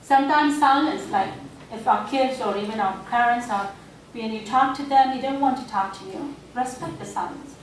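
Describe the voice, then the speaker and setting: A woman's voice: on the high side, moderate pace. A woman in her fifties, a community speaker and teacher, giving an earnest, exhorting talk to mothers and daughters at an event, often saying "you know". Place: event hall. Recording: echoey hall, mic far off, faint noise.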